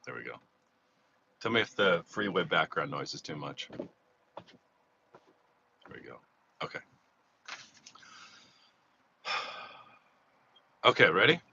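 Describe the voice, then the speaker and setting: Recovering from a cold, a slot vlogger rambles casually through a live monthly recap outdoors near a freeway, chatting and restarting often. His low voice is very animated, bright and forceful, yet slow, with vocal fry and long pauses. The audio is slightly dull, with faint freeway noise underneath.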